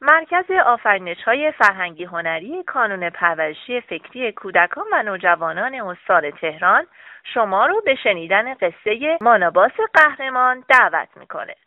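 A woman narrating a children's story with gentle, expressive storytelling. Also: mid-range voice, dry recording. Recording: dry, narrow phone-like sound.

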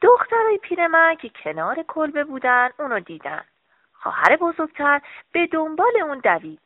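A woman narrating a children's story with gentle, expressive storytelling. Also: high voice, no room sound. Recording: dry, narrow phone-like sound.

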